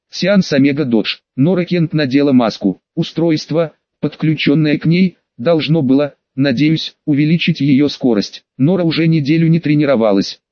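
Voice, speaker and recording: A man reads an audiobook evenly and matter-of-factly, his voice sitting slightly high. The sound is dry and muffled, like a lo-fi recording. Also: dry recording. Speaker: audiobook narrator. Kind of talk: scripted narration.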